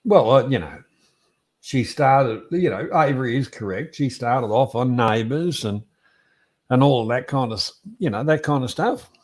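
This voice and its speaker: A man's voice: mid-range voice, lively intonation, normal speed. A middle-aged man with an Australian accent, hosting in a casual, rambling, slangy way and telling anecdotes. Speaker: host of a trivia show.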